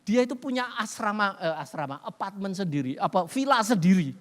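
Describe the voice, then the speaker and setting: A man's voice: high voice, lively intonation, fairly quick, a bit bright. A man preaching a sermon and telling funny stories, laughing often and dropping in English phrases. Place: church hall. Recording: reverberant hall sound.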